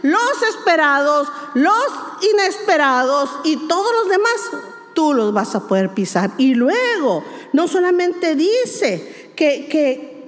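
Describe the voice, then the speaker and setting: A woman pastor preaches a sermon in a high voice. She hammers key words and throws rhetorical questions at her listeners. Her voice rings with a long hall reverb.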